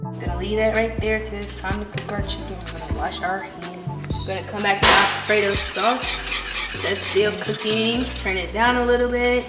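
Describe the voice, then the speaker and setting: A woman's voice: mid-range voice, fairly even intonation, normal speed. A woman chef giving a step-by-step cooking demonstration in a home kitchen. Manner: instructive, step-by-step. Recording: roomy distant camera audio with loud music. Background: loud background music.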